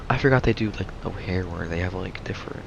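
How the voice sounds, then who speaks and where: Talking fast in a low voice with vocal fry, a young man provides laid-back, rambling commentary on his flight simulator stream. He says he's losing his voice, and the recording is muffled with noise.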